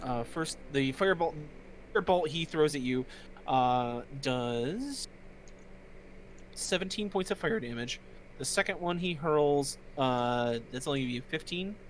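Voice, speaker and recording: A man's voice: on the high side, expressive, a little slow, a little hiss or hum. A man working as game master, narrating a tabletop role-playing game in an informal way. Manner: informal, with spoken sound effects. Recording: music behind the voice.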